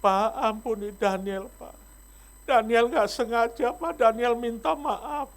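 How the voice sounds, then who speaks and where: A male preacher voicing a small boy who pleads slowly and timidly for forgiveness. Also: very high voice, fairly even intonation, heavily acted. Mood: pleading. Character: small boy, scared and sorry.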